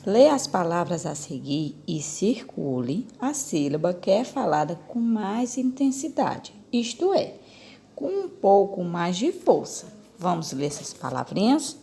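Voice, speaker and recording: A woman's voice: fairly low pitch, big pitch swings, measured pace, gravelly, warm tone. A female primary school teacher with a Brazilian Portuguese accent, recording a lesson for young children. She talks patiently and coaxingly, asking questions and repeating key words.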